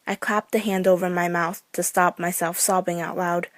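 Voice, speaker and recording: A woman's voice: fairly low pitch, flat delivery, moderate pace, no room sound. Woman narrating a scary story, dry sound.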